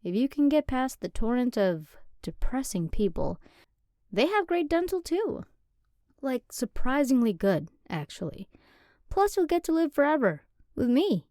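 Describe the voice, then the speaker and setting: A young woman speaks close to the mic in a mellow, mid-range voice with no echo. She plays an affectionate, chatty demon girlfriend in an ASMR roleplay, rambling and now and then dropping to a whisper.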